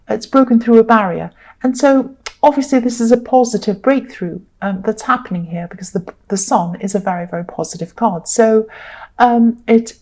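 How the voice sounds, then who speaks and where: Gentle woman giving a tarot reading. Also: fairly high pitch. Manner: gentle, reassuring, many fillers. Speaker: tarot reader. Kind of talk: solo tarot reading monologue.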